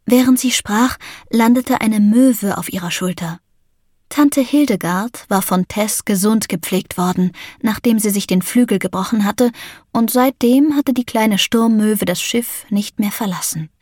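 A woman narrating a children's book in a lively, expressive way. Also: medium pitch, a little slow, no echo, clean studio sound. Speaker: audiobook narrator.

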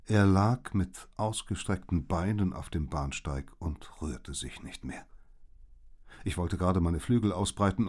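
A man narrating a children's story in the first person with dramatic, expressive delivery. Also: low-pitched. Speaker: audiobook narrator.

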